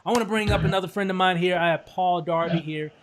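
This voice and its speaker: A man's voice: high-pitched, fast talker, slight background noise. A man from Texas hosting a casual promotional chat over a video call, upbeat and full of restarts and fillers. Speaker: host.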